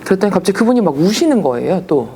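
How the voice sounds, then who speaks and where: A woman, a shaman, telling stories in a casual, animated way and acting out the voices she quotes. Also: fairly low pitch, fast talker, slight background noise. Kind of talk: casual storytelling.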